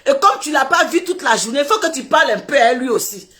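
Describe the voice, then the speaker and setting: A woman's voice: high voice, lively intonation, quick pace, pushed and bright. A woman, telling a comic story and acting out little scenes while laughing through her words. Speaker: social media commentator.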